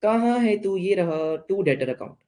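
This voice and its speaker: A man's voice: high voice, animated, normal speed, a little mellow. A young man with an Indian accent teaching an accounts lesson, playfully asking questions and answering them himself as a student would. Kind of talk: online class lesson.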